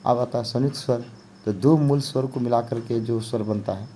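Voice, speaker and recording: A male teacher from India gives an exam-prep grammar lesson at a medium pitch and normal speed, with a warm tone and a little hiss or hum in the recording. He explains step by step, often checking in with "okay" and filler phrases, repeating "ठीक है" and "जो है आपका".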